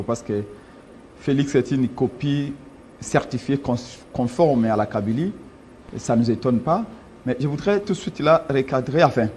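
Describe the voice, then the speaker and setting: A political party official from Congo defends his leader in a studio interview, arguing insistently and emphatically, his force rising when he insists. His mid-range voice is a little mellow, and there's a slight hiss or hum.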